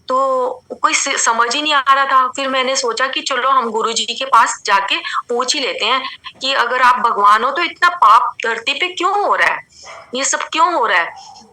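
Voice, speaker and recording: A middle-aged woman retells a personal experience of faith and slips into the voices of the people she quotes. Her voice sits a bit high and sounds very bright and sharp. She speaks with earnest conviction. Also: low-quality recording. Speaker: devotee sharing a testimony. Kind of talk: personal testimony told as a story.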